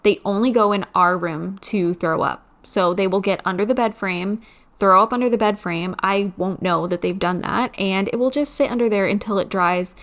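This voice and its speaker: A woman's voice: mid-range voice, normal speed, a bit bright. A woman in her thirties talking candidly about home cleaning in a casual vlog voice-over, a little weary.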